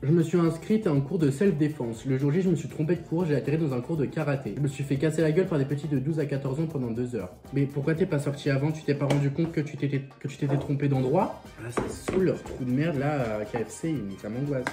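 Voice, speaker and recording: Fast-talking sassy young French man. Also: on the high side, over music. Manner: chatty, sassy, swears freely, talks with mouth full. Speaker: vlogger reacting to viewer stories. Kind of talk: casual reaction vlog while eating.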